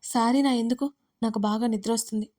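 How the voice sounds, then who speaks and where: A gentle, affectionate young woman from an audio story, voiced by the woman who narrates it. She talks in a soft, coaxing, slightly playful way, with a higher-pitched and mellow tone. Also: steady tone, fairly quick, lightly acted. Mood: tender.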